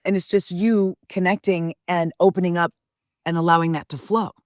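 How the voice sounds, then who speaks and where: Her voice is fairly low and her pace moderate as this woman in her 50s, a podcast host, relates a personal story. The clean studio recording has no echo. She talks casually, with blunt, profane, animated emphasis.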